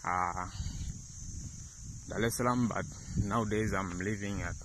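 A man's voice: deep voice, fairly even intonation, unhurried. A young Tanzanian man giving an earnest testimony with many fillers, filmed outdoors on a phone held close. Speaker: church member giving testimony. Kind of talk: selfie video testimony. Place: outdoors in rural countryside. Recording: outdoor insects and noise.

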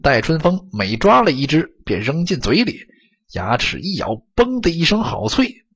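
A man narrating an audiobook story in an expressive, dramatic storytelling manner, on a dull lo-fi recording. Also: on the high side, moderate pace, breathy edge.

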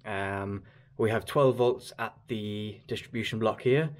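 This fairly low-pitched male voice moves at an unhurried pace. He's presenting a relaxed vlog from a small boat cabin, talking through his work and musing aloud with some hesitation.

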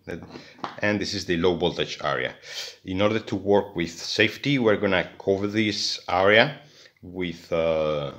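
This electronics hobbyist has a low voice with a fairly bright tone as he talks through a repair at his workbench indoors. His tutorial is halting, full of fillers and false starts.

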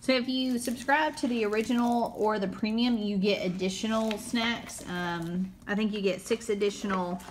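A woman's voice: medium pitch, steady tone, normal speed, hardly any pauses, a little hiss or hum. A woman in her thirties with a Tennessee accent, hosting a casual snack unboxing and reading out the product blurbs. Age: 30s. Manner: reads out product blurbs, asks questions. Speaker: host.

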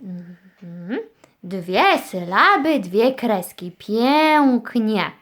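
A woman's voice: mid-range voice, sing-song, extremely slow, a bit bright. A young woman teaching a small child in a children's lesson, patient and encouraging as she guides step by step. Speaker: children's educator.

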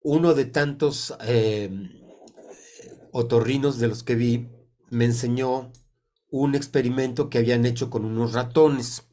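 Over a video call from an indoor room, a Mexican Spanish-accented sound therapy teacher in his sixties gives an informal explanation, his cold audible and his speech slow, halting and full of pauses. The computer mic captures a medium-pitched, steady, warm voice.

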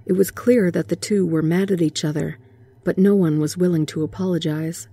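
A woman narrating a horror short story in a steady, measured way. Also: lowish voice, slightly rough, no room sound.

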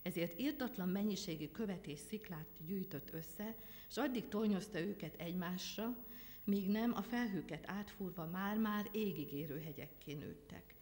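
Expressive woman reading a tale aloud. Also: medium pitch. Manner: lively, dramatic delivery with voiced characters. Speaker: reader at a literary event. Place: library event hall. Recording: long hall reverb.

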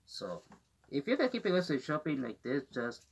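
A man speaking through a gas mask in halting, rambling non-native English, giving casual unboxing commentary as a vlogger. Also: mid-range voice, huge pitch swings, gravelly, slightly rough.

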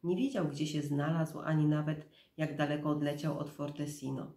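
A woman in her thirties, a mother reading a storybook aloud in a soft, measured, quiet voice. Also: low voice, level tone, roomy sound.

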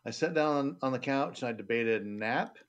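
A man's voice: mid-range voice, animated, moderate pace, muffled recording, a crowd in the background. Man joking sheepishly on a podcast. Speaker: podcast co-host. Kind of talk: casual chat.

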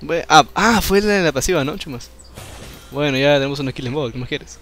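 A man giving casual, excited commentary over a video game, swearing often and breaking into yells. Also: fairly high pitch, brisk, a little hiss or hum. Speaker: gameplay commentator.

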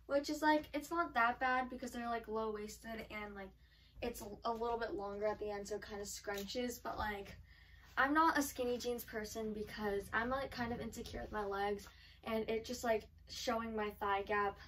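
A woman's voice: fairly high pitch, fairly even intonation, moderate pace, fairly bright tone, distant mic, a little hiss or hum, poor audio. Chatty woman vlogger, a bit off-mic. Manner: chatty, filler-heavy with frequent "like". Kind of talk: casual try-on haul chat. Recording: voice from away from the mic.

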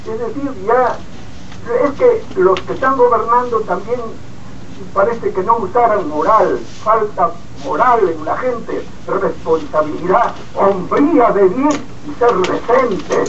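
An elderly man, phoning in to a talk radio show and giving his opinion in an indignant, halting way, often repeating words. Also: high-pitched, fairly bright tone. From Peru. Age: 80s. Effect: caller heard over a phone line. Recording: muffled distant phone line with hiss.

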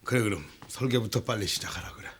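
A man's voice: lowish voice, fast talker, a little hiss or hum, close to an everyday voice. A man playing a blustery, impulsive middle-aged husband and boss in a Korean TV family drama, speaking brusquely and emphatically. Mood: brisk, bossy.

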